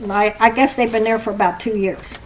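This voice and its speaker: An older woman from Norwood, Ohio, speaking as a resident at a council meeting, rambling and aggrieved, with halting restarts. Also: mid-range voice, fairly even intonation, slight background noise, low-quality recording. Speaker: resident speaking at public comment. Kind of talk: public comment at a council meeting.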